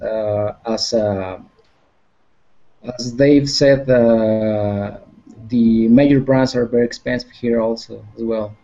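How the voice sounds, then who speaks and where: A man speaks very slowly in a dark, mellow voice, often halting to find his words. It is casual chat over a dull, lo-fi online call. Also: medium pitch, fairly even intonation. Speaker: guest on a live video chat. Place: online group video call.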